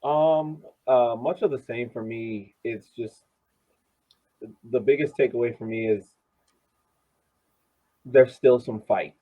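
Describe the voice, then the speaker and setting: Co-hosting a soccer fan podcast, a man with a mid-range voice chats casually over a narrow, phone-like connection. He thinks aloud, halting and repeating words as he goes.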